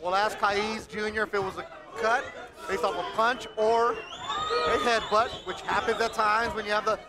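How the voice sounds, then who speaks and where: A man's voice: sits high, steady tone, normal speed. A man doing live play-by-play boxing commentary in clipped, short phrases. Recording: live event with crowd noise behind. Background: boxing crowd.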